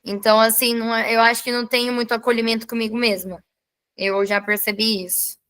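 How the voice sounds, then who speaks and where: A woman's voice: on the high side, level tone, quick pace, fairly bright tone, smooth. A woman participant in an online class, speaking frankly and self-critically on a video call. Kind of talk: casual sharing on a call.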